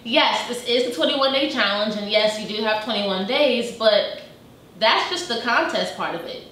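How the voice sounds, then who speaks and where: A woman's voice: on the high side, moderate pace, fairly bright tone, a little hiss or hum. A young woman in a home kitchen, chatting casually as a fitness vlogger while showing her food items, upbeat and full of fillers. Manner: chatty and upbeat, many fillers like "you know" and "like". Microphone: camera mic from a few meters away. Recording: echoey kitchen, voice a bit distant.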